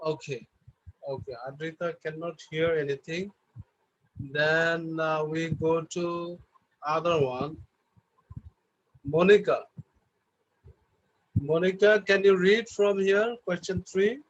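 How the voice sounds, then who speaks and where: A man teaching an online class, explaining slowly and patiently over a video call. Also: a little high, fairly even intonation, no room sound. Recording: dull lo-fi online call audio.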